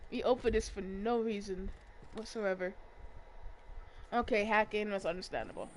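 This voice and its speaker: A woman's voice: mid-range voice, normal speed, a little hiss or hum. Sarcastic young woman gaming. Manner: sarcastic, profane, talks back to characters. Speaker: gaming streamer. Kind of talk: casual let's-play commentary.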